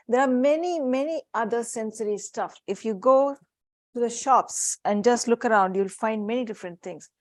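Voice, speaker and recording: A woman psychiatrist with an Indian accent runs a live practical workshop for parents, both in the room and on Zoom, warmly demonstrating objects as she explains. Her voice is a little high and the recording is dry.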